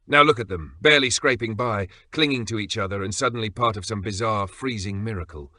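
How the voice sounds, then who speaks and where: Deep-toned man narrating a dramatic story. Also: sharp tone, no echo. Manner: earnest, suspenseful storytelling with dramatic pauses.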